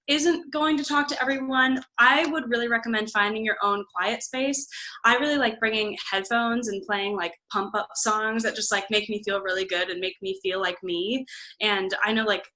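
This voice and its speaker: A woman with a bright, forward voice chats about auditions in an easy, upbeat manner. She fills her sentences with "like" and sits a bit high in pitch. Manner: chatty, upbeat, lots of "like". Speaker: drama instructor. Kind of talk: casual advice chat.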